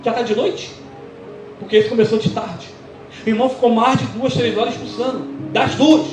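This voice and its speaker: A man's voice: very high voice, brisk. A Brazilian man, a pastor, preaching and telling his testimony in a church, acting out the dialogue as he goes. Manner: animated storytelling, acting out quoted dialogue. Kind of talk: sermon testimony. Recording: echoey church with music behind. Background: music.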